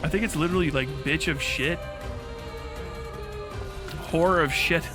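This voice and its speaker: Over background game music, a man with a somewhat high voice and slightly slow delivery streams a video game. He keeps up crude, casual commentary, swearing heavily and tossing out sardonic asides.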